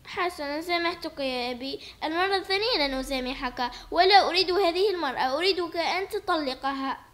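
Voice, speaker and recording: A grieving young girl who loudly and stubbornly refuses everything new, played by a woman. Her voice is high and bright, and she pushes every line with insistence. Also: fairly quick. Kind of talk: toy doll play voice acting.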